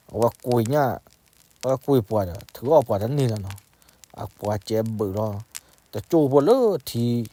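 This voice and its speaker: A man telling a folk story in an unhurried, conversational way. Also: medium pitch, warm tone, slight background noise.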